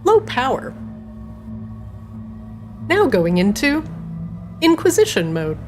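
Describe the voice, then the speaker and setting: A woman's voice: high voice, huge pitch swings, slow, over music, pitched above the performer's own voice, heavily acted. Woman voicing a glitching clockwork robot. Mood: flat mechanical. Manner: clipped, repetitive machine announcements. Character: glitching clockwork machine, stuck in error loops. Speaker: game master. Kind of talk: narrating a tabletop game.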